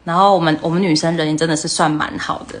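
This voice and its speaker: A young woman with a Taiwanese Mandarin accent hosts a livestream, telling a story casually. Her voice sits a little low. She tells it in a lively way and jumps into the other people's voices as she quotes them. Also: quick pace. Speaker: livestream host.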